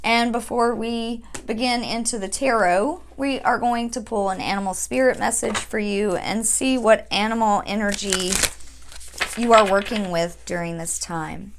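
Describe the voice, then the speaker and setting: A woman giving a casual spiritual tarot reading, chatty and often checking in with her listeners, with slow, drawn-out calls to spirit guides. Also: medium pitch, background noise. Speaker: tarot reader.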